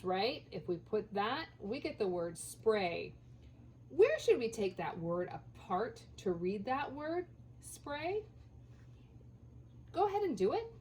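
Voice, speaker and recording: A woman teacher leading a children's phonics lesson, sounding out letters slowly and encouragingly. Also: mid-range voice, a little hiss or hum.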